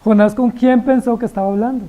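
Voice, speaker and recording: A woman's voice: a little high, fairly even intonation, quick pace, narrow, tinny audio. A woman preaching an expository sermon, dramatically acting out biblical dialogue and firing rhetorical questions at the congregation.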